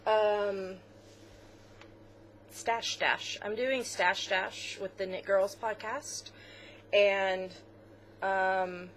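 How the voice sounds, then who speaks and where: A woman co-hosting a home knitting podcast, talking in a loose, chatty way full of "um" and "so." Her pitch sits in an ordinary middle range. A faint hiss runs under the recording. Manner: chatty, with fillers, close to tears at times. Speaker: podcast co-host. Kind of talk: casual chat.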